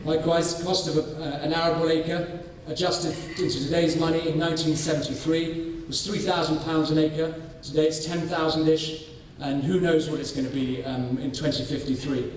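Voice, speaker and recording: A man from North Wales, giving a conference presentation on his farming study, measured and full of ums and restarts. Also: a little high, little pitch movement, a little mellow, a little hiss or hum. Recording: echoey hall, voice from far off.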